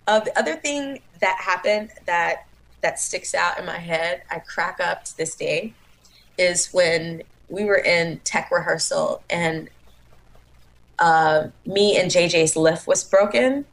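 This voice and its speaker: A woman's voice: lowish voice, slow pace, vocal fry, low-quality recording. A young adult woman, a dancer and singer, telling stories as a guest in a casual interview, laughing often and acting out quotes. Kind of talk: casual storytelling.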